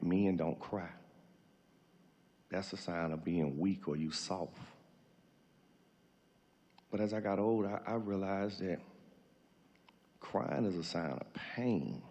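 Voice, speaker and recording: A middle-aged man with a husky, gravelly voice giving an emotional, tearful farewell speech as a grieving father, halting as he goes. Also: deep voice, warm tone, dull audio.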